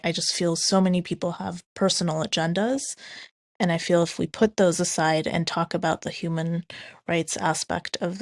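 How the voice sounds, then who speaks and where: A woman's voice: lowish voice, dry recording, clean studio sound. A woman from Iran speaking in an online audio chat room, earnest and casual, with frequent ums and restarts. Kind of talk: casual spoken remarks.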